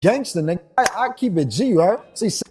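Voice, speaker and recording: A man's voice: high voice, animated, quick pace, a little mellow. A man telling a long, rambling street story, asking "you heard?" throughout. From New York. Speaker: storyteller in a played clip. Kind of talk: casual storytelling.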